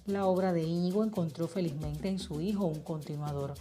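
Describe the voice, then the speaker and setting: A woman with a Cuban Spanish accent reading documentary narration in a smooth, descriptive way. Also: lowish voice, steady tone, fairly quick, over music.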